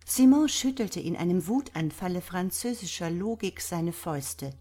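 A woman narrating an audiobook in a steady, even storytelling manner. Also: lowish voice, normal speed, husky.

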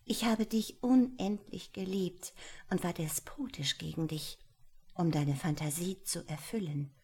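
A woman's voice: fairly low pitch, a little slow, husky, pitched above the performer's own voice. A woman voicing a cold, whispery noblewoman. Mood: cool, menacing. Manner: soft, half-whispered, languid. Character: cold, aloof young noblewoman, haughty mistress. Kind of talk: audiobook character voice.

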